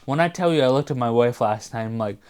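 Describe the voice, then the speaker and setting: A man's voice: mid-range voice, quick pace, darkish tone, smooth. A man in his forties co-hosting a podcast, chatting casually with a rambling, enthusiastic manner and sometimes losing his train of thought. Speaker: podcast co-host. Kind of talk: casual chat.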